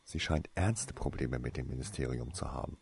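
A man's voice: a bass voice, normal speed, voice pushed down. A man voicing a cautious, secretive young wizard boy in a fantasy storybook, speaking in a hesitant, guarded way.

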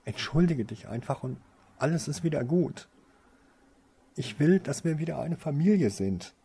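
A man's voice: fairly high pitch, steady tone, fairly quick, darkish tone, slightly rough, pitched above the performer's own voice. A man doing a desperate pleading brother. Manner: pleading, insistent.

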